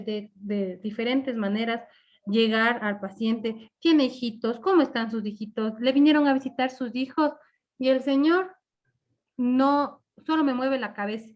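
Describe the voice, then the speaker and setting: A woman's voice: high-pitched, lo-fi sound. A woman teaches a live online nursing class. She works through example dialogues with patients and often checks in with her students. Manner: explains step by step with example dialogues. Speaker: nursing instructor.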